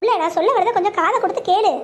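A woman voicing a gentle young groom in a cartoon, pleading and soothing. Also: very high voice, rapid-fire, a little hiss or hum.

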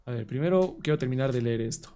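A man's voice: mid-range voice, animated, fast, dark tone, clear, resonant tone. A man streaming a horror game live, thinking aloud as he plays. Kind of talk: live gameplay commentary.

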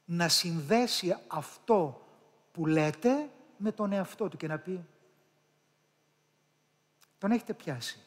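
A Greek man with a Patras accent speaks to a live audience in a room, coaching them on public speaking. He is animated and addresses the listeners directly. He sounds out pronunciations aloud as he teaches. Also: sits high, long pauses. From Greece.

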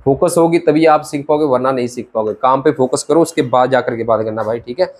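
Young barber dude explaining a haircut, casual and brotherly, small shop, clip mic. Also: male voice, mid-range voice, a little fast. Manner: chatty, brotherly, keeps saying "theek hai". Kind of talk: hands-on tutorial talk to camera. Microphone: clip-on lapel mic.

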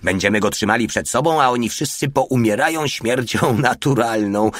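A man's voice: mid-range voice, expressive, normal speed, no echo, natural voice. A man voicing a brash soldier with a thundering voice in a war audiobook. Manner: thundering, boastful. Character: brash cocky male soldier with booming voice.

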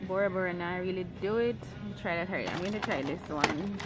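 A woman's voice: fairly low pitch, quick pace. A young woman, chatting casually as she vlogs a grocery run, filmed on a handheld camera at arm's length. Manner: chatty, loose grammar, thinks aloud. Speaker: vlogger. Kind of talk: casual vlog narration while shopping. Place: supermarket aisles, later a home kitchen. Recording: loud store music behind the voice. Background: store music.

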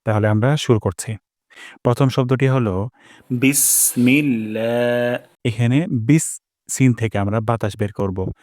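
A man teaching a pronunciation lesson for recitation, explaining calmly and stretching each sound out slowly as he demonstrates. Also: lowish voice. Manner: slow, drawn-out demonstrations of each sound, repeated.

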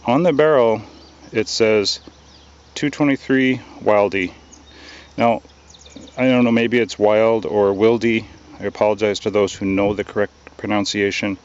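A man giving a casual, relaxed product review outdoors, hesitant and full of ums and uhs. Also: on the low side, normal speed, pauses often, highs cut off. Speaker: gun reviewer.

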